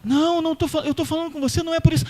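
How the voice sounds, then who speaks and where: A man playing a patient male Jesus who gives calm, firm instructions. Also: very high-pitched, rapid-fire, pitched above the performer's own voice.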